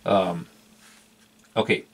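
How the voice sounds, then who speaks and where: Drawing out his words, a middle-aged man reviews a product off the cuff as a vintage electronics collector. He rambles hesitantly and repeats words for emphasis, with a little hiss or hum in the background.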